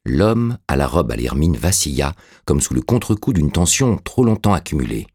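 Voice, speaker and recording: A man narrating an audiobook in a measured, steady storytelling manner. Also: rumbling low, husky, no echo, studio quality.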